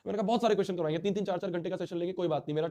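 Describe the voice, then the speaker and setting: A man's voice: high voice, very fast, mellow. A man teaching a live online class, speaking in a hurt, earnest, pleading way while he has a sore throat and a stuffy nose.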